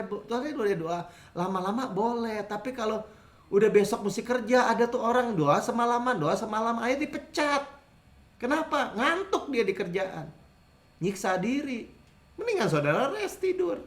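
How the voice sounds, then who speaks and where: Animated high-voiced man preaching. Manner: lively conversational preaching, acts out quoted voices. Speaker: pastor. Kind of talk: sermon.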